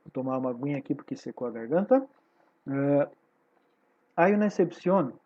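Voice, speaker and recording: A woman's voice: rumbling low, animated, normal speed, highs cut off. A woman with a Brazilian Portuguese accent teaching a Spanish class online. She explains patiently and keeps checking in with her students.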